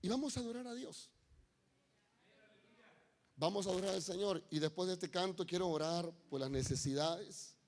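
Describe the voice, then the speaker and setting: A man's voice: high-pitched, moderate pace, long pauses, a little mellow. A male pastor giving an emphatic sermon in church, with folksy asides. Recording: long reverb of a church hall.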